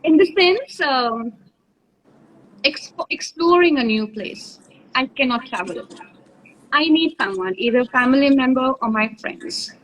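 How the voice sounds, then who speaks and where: A woman, her voice sitting a little high, chats and laughs easily while she shares stories from her flying years. A faint hiss of background noise sits under the live-stream audio. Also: animated, a little slow, low-quality recording. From India. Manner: laughs often, chatty storytelling. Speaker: aviation and grooming trainer, guest. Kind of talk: casual live-stream chat.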